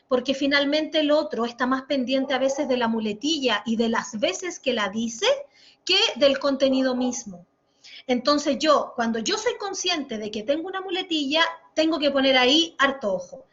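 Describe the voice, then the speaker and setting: A Chilean woman leading an online workshop lesson, articulating with deliberate exaggeration and answering viewer comments as she goes. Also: high-pitched, fairly bright tone. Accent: Chilean Spanish. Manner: reads viewer comments aloud and responds. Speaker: workshop instructor. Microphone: computer mic, recorded lesson. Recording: dull lo-fi screen recording.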